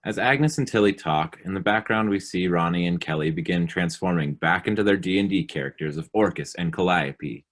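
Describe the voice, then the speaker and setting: Low-voiced man narrating stage directions. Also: brisk, few pauses. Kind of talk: scripted narration.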